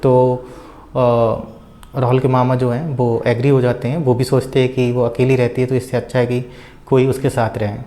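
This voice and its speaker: A man casually retelling a story out loud, with a rambling flow full of filler words and small hesitations. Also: mid-range voice, little pitch movement, moderate pace.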